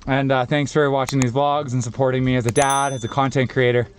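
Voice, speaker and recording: A man's voice: mid-range voice, flat delivery, brisk, a little hiss or hum. A man in his thirties, a dad vlogging casually to an action camera held at arm's length, partly outdoors on ski slopes and partly in a car, often cheering on his kids. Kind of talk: casual vlog.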